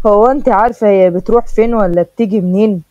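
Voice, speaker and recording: A woman's voice: medium pitch, quick pace, mellow, no echo, lightly acted. A woman voicing a bossy, harsh middle-aged stepfather, in an Egyptian accent and a blunt, scolding manner. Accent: Egyptian Arabic. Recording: dull dry lo-fi recording.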